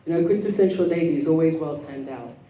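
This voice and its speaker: Before a live audience in an indoor event room, a woman working as an etiquette coach delivers a motivational talk with a warm voice that sits low. She speaks politely and in a measured way, enunciating primly and precisely, and the recording is roomy and distant with a noisy hall around her.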